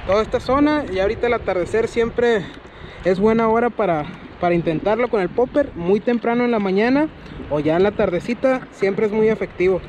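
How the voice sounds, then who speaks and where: Excited Mexican man fishing outdoors. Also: high-pitched, fairly quick. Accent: Mexican Spanish. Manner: excited, laughing and shouting at catches. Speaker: fishing vlogger. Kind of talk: casual vlog commentary. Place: kayak on a river outdoors. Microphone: head-mounted action camera. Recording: outdoor recording with clear background noise.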